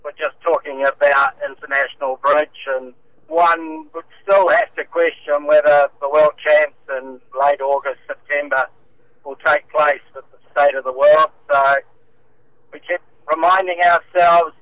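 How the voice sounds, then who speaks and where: A man's voice: on the high side, fairly even intonation, unhurried, fairly bright tone, rough recording. A man calling in on a speakerphone from his car, chatting casually and chuckling between remarks. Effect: speakerphone call from a moving car. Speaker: bridge association chairman, radio guest. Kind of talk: casual phone-in chat.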